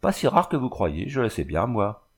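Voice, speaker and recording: A man voicing a kindly, gently firm village priest who coaxes and scolds like a father, in a storybook reading. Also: lowish voice, big pitch swings, normal speed, husky, heavily acted. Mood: persuading. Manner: coaxing, paternal scolding.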